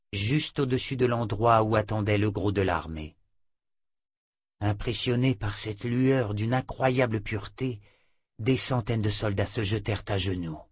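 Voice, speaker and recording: A man narrating a fantasy novel aloud in a steady, dramatic storytelling manner. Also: lowish voice, no echo, clean studio sound. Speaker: audiobook narrator. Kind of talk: scripted narration.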